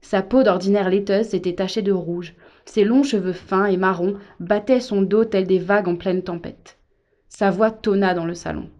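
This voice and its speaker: A woman narrating a novel in a measured, gentle storytelling voice. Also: mid-range voice, fairly even intonation. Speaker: audiobook narrator. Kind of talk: scripted narration.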